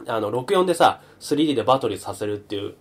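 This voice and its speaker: A man's voice: medium pitch, lively intonation, very fast, breathy edge. A man hosting a podcast in casual chat, laughing as he tells a story and imitating an announcer. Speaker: podcast host.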